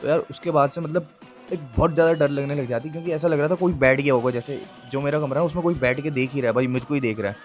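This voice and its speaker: A man's voice: fairly high pitch, steady tone, fast talker, faint music behind. A young man tells his own ghost story in a casual, chatty way. He talks to his viewers directly and keeps checking in with fillers as he goes. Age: young adult. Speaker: YouTube storyteller. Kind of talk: casual first-person ghost story narration.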